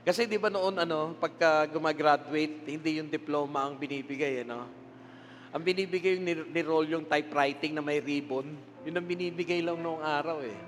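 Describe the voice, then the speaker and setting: An older Filipino man preaching a sermon as pastor, telling stories with animated delivery and frequent laughter. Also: fairly high pitch, moderate pace. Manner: animated storytelling, laughs often. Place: church sanctuary. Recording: long hall reverb with music behind.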